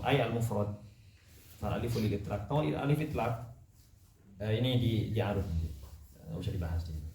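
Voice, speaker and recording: A man teaches a class, explaining in a casual way, questioning his students and slowing down when he reads the Arabic. The room echoes. A faint hum sits behind him. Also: fairly low pitch, warm tone. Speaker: ustadz teaching logic. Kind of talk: classroom lesson reading an Arabic text.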